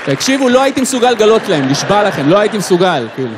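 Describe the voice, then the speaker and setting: A man doing a stand-up comedy routine on a live stage, animated and full of impressions. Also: sits high, crowd noise, noisy background. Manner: animated, lots of voices and impressions. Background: audience laughter.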